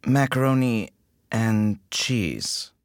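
An actor playing a strict, dry male royal aide who talks in a clipped, deadpan way. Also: fairly low pitch, drawn-out words, dry recording, heavily acted. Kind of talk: audio drama acting.

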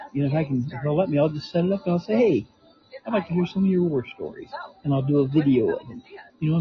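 An older man in a hospital room recording a rambling personal audio diary, out of breath and joking between wheezes. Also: fairly high pitch. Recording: muffled lo-fi recording.

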